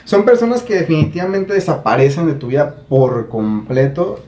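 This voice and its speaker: Presentador mexicano joven, bromista y animado; voz algo aguda, sala con eco. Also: male voice, a little high, moderate pace, reverberant. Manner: joking, animated, mimics people in funny voices. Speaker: podcast host. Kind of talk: casual chat.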